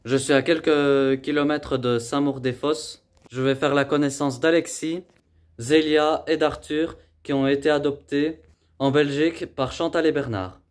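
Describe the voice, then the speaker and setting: Calm man narrating a documentary. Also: a little high, a little slow. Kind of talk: scripted voice-over narration.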